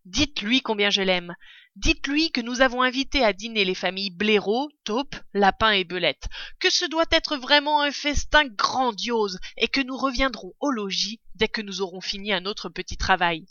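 A cunning, proud fox father with a bright, forceful voice, as a woman puts him on. He is exuberant, bossy and theatrical, like a storybook hero, in a dry, close sound. The recording is dull and lo-fi. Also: mid-range voice, normal speed, no room sound, lightly acted. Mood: fond.

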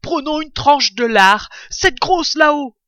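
A woman voicing a greedy, excitable male badger in a storybook reading, gushing with excitement, on a dull lo-fi recording. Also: high-pitched, slow, no echo, voice pushed up, exaggerated voice. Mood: excited.

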